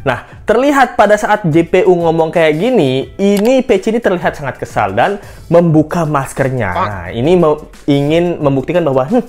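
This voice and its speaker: A woman's voice: low-pitched, lively intonation, normal speed, darkish tone, soft background music. A woman hosting a casual news commentary vlog, talking in a playful, joking, teasing way. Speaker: host.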